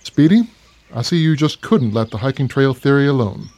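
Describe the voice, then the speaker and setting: A man voicing a gruff, wisecracking police officer who needles his friend. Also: medium pitch, expressive, moderate pace, a little mellow, pitched above the performer's own voice. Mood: needling. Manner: dry, needling, complaining. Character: gruff, wisecracking middle-aged male cop.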